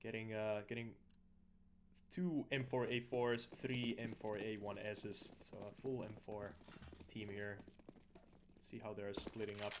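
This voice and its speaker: A man with a fairly low voice commentates a video game match in a casual style. His delivery is halting, with searching pauses. There is clear noise behind him, with clicks and game audio bleeding through. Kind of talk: casual esports commentary over gameplay.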